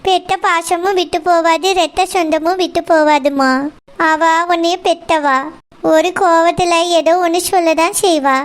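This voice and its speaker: A woman voicing a kind, patient elderly grandmother in a cartoon, speaking slowly and softly to console. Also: very high voice, steady tone, pitched below the performer's own voice. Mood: soothing. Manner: slow, soft, consoling. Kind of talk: cartoon voice acting.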